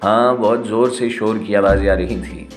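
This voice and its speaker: A man reading a frightened young girl's lines in an audio story, in a soft, pleading voice, with soft music underneath. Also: lowish voice, steady tone, natural voice. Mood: scared. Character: young girl, innocent and frightened.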